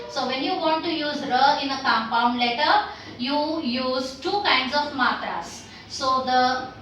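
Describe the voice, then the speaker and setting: A woman with a high, bright voice teaches a language lesson at an unhurried pace. She says each sound again and again so learners can follow. She is recorded from a distance in a strongly echoing room. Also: a little hiss or hum. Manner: patient, repeats sounds slowly for learners. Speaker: Hindi teacher. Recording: roomy echo, mic at a distance.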